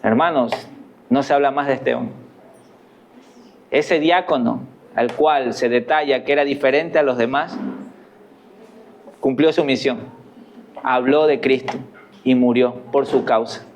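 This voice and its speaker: A man's voice: medium pitch, a little slow, long pauses, dull audio, a little hiss or hum. A middle-aged man preaching a sermon as pastor, earnestly putting questions to the congregation.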